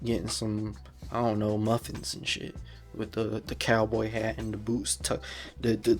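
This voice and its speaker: A man in his twenties hosting a solo podcast, talking bluntly in slangy, profane, repetitive casual speech. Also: medium pitch. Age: 20s. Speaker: podcast host.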